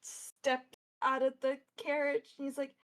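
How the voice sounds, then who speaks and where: A woman's voice: sits high, little pitch movement, a little slow, poor audio. A woman narrating as game master of a tabletop game on a live stream, rambling with many fillers and casual asides.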